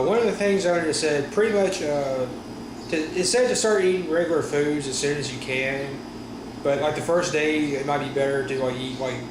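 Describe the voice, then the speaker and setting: Guy vlogging after wisdom teeth out, sore stiff jaw, rambles and restarts, echoey room w some noise. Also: mid-range voice. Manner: halting, rambling, frequent self-corrections. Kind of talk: casual personal vlog recounting. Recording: roomy echo with steady room noise.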